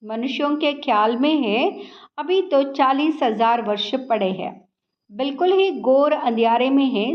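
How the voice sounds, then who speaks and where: A woman slowly reading a spiritual discourse aloud in a measured, instructive way. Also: sits high, dull audio. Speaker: scripture reader.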